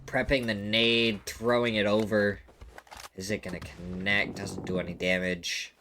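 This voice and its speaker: A man's voice: measured pace, a little hiss or hum. Stuffy-nosed man doing esports play-by-play. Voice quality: congested, blocked-nose sound. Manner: excitable, voice leaps high and loud at big moments. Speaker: esports commentator. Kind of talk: live play-by-play game commentary.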